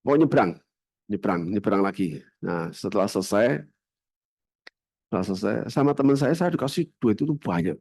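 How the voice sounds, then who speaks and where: Lively Javanese preacher telling stories. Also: male voice, lowish voice, moderate pace, vocal fry, pauses often, slightly rough, dry recording. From Java. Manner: storytelling with animated shifts between loud and hushed. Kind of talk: sermon. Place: mosque.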